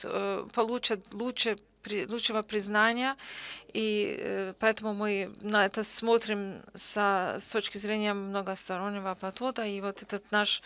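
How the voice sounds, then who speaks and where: A woman giving simultaneous conference interpretation, halting, with frequent pauses and self-corrections. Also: medium pitch, fairly bright tone, clear, resonant tone, dry recording.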